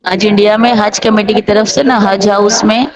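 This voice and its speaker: Excited woman's voice note over crowd. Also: medium pitch, moderate pace, low-quality recording. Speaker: relative sending a voice message. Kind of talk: casual voice message. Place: crowded training hall. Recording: voice message with a loud crowd behind. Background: loud crowd chatter.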